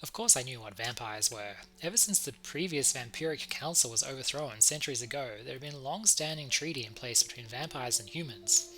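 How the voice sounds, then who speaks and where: Bright, forceful man narrating a game playthrough. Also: mid-range voice, expressive, brisk, few pauses, soft background music, rough recording. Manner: stop-start, repeats words, wry asides. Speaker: let's play host. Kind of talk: reading a visual novel aloud with casual commentary.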